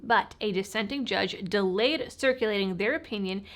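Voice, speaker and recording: A woman's voice: mid-range voice, moderate pace. A woman hosting a news commentary channel, speaking informally and a little lispy, with stitches in her mouth after recent oral surgery. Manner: informal, wry asides. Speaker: host of a gun-rights news channel. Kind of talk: scripted news commentary to viewers.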